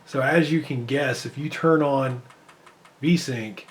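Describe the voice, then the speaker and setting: A man's voice: medium pitch, takes it slowly, slight background noise. Man losing his voice, talking over gameplay. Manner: rambling, thinking aloud with fillers. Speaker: PC gaming benchmark creator. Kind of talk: casual gameplay commentary.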